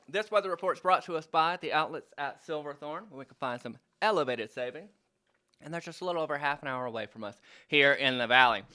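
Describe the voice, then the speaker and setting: A man's voice: on the high side, sharp tone, clear, resonant tone. A man hosting a local morning show from a studio, chatty and upbeat, talking between bites of breakfast. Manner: chatty, eats on air, upbeat. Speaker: studio host. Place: indoor studio.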